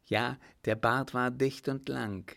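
Picture a cheeky, loyal young manservant who talks in a jaunty, plain way, as a male reader puts him on. The voice is slow and carries a rough, creaky grain. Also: medium pitch, steady tone, a bit bright.

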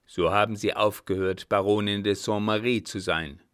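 A man's voice: on the low side, steady tone, normal speed, fairly bright tone, natural voice. A man doing a harsh, menacing old captain. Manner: hard, commanding, menacing. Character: harsh, threatening old sea captain, male.

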